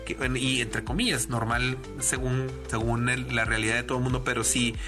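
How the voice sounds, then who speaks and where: A man's voice: medium pitch, fairly even intonation, normal speed, music in the background. A middle-aged man co-hosting a casual film discussion podcast, rambling with frequent restarts. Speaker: podcast co-host.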